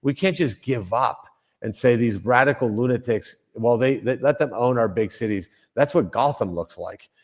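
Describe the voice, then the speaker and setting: In a political interview, an older Colombian senator appears as a guest, speaking emphatically with frequent restarts and repeated phrases. His voice is medium in pitch and his speed is normal.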